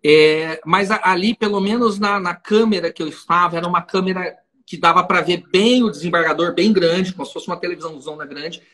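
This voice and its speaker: A man, a defense lawyer co-hosting a podcast, telling an anecdote in a casual, animated way. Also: sits high, brisk, rough recording. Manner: animated storyteller, laughs along.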